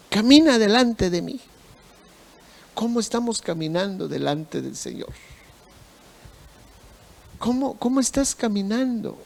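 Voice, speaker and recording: Male pastor, sermon, slow deliberate delivery, repetitive emphatic phrasing, gravelly. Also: sits high.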